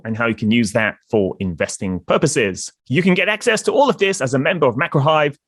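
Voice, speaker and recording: Lively male podcast host. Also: medium pitch, no echo, clean studio sound. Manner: upbeat promotional delivery. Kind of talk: podcast ad read and interview.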